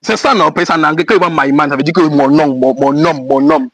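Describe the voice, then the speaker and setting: A man's voice: on the high side, brisk, fairly bright tone. A man with a Cameroonian French accent hosting a fidelity test, probing and teasing as he questions a woman about her phone contacts. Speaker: host of a fidelity-test show. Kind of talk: casual on-camera interrogation.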